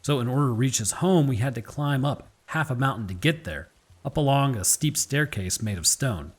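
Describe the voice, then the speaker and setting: A man reading a scripted horror story as its narrator, in a measured, formal, literary storytelling manner. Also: mid-range voice, lively intonation, slightly rough. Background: background music.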